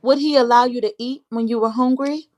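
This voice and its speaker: A woman's voice: fairly high pitch, fairly even intonation, fairly quick, darkish tone. A woman hosting a casual interview, asking probing questions and speaking to her viewers. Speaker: host interviewer.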